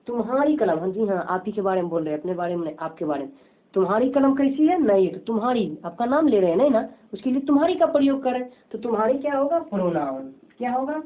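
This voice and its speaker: A woman teaching a grammar lesson, who keeps asking questions and answering them herself in a repetitive, drilling way. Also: on the high side. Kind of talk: home-tuition grammar lesson. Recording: tinny phone-like lo-fi audio.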